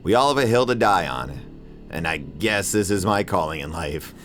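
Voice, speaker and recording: With music behind him, a video essayist in his thirties narrates casually in a low voice with lively intonation, at normal speed and a bit bright. He hosts the channel and talks in an irreverent, opinionated, slangy, profane manner.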